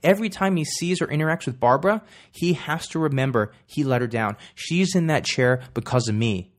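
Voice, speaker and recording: A man's voice: a little high, fairly quick. A young man hosting a podcast, chatting through a story recap with enthusiasm, frequent fillers and some swearing. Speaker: podcast host.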